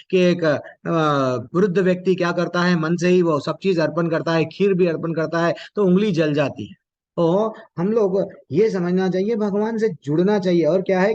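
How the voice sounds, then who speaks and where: A man's voice: high-pitched, darkish tone. A man teaching a devotional scripture class, explaining each point, asking his listeners questions and repeating phrases for emphasis. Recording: dull lo-fi audio.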